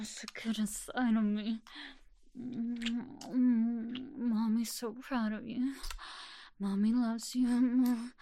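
A woman speaks in a soft, doting murmur that often falls to a whisper. Her voice sits a little high yet sounds warm and mellow. She takes her time over every phrase. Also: a little hiss or hum. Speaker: audio roleplay performer. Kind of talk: intimate whispered audio roleplay.

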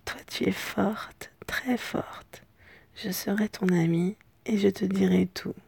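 Woman playing a flattering storybook cat, whispered role-play, husky cracked voice, mellow, close and dry. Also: mid-range voice, slow pace, no echo, heavily acted. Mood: admiring, flattering. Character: friendly, flattering, talkative male cat seeking a friend.

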